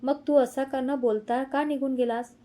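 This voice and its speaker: A woman voicing a shy young wife who is quickly flustered and pouting, in a mellow, fairly high voice. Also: fairly even intonation, lightly acted. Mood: worried.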